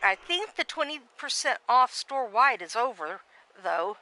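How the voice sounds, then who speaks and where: A woman commentating a simulated wrestling match in a loose, chatty way. Her voice is bright and sharp. She rambles, restarts her sentences and reads viewer comments aloud. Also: a little high, big pitch swings, moderate pace, poor audio. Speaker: play-by-play commentator.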